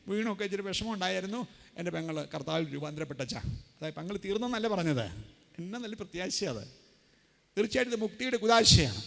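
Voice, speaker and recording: A priest with a Kerala Malayalam accent preaching a sermon at a conference, telling stories and voicing quotes with lively shifts. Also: male voice, sits high, creaky, long reverb tail. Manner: animated storytelling with voiced quotes. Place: large conference hall.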